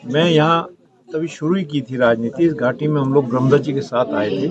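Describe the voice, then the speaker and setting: A middle-aged politician gives an outdoor campaign speech to villagers in a rainy village courtyard, speaking earnestly, repetitively and with self-assurance. His voice is mid-range and fairly quick, captured in a dull lo-fi outdoor recording with a crowd.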